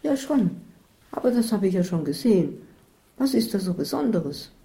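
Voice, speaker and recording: A woman voicing a whiny, complaining woman on holiday, shrill and self-pitying. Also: expressive, fairly quick, mellow, close to an everyday voice. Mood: puzzled.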